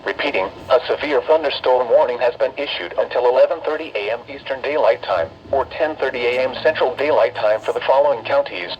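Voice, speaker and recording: An automated weather radio announcer, a synthetic text-to-speech male voice of medium pitch, reads formal emergency weather bulletins. The delivery is impersonal and measured, with clipped, list-like phrasing, over a dull, noisy weather radio broadcast.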